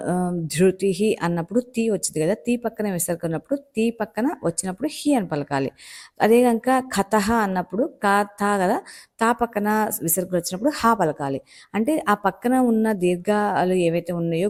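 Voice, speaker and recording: A woman's voice: lowish voice, a little mellow. A woman hosting a home channel, patiently explaining step by step with many fillers. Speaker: home-maker channel host. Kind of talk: casual home tutorial.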